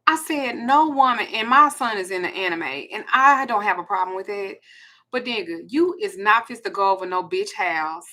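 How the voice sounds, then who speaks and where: A woman's voice: medium pitch, lively intonation, moderate pace, bright, forceful tone. A woman, hosting a blunt, profane ranting monologue. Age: 40s. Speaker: host.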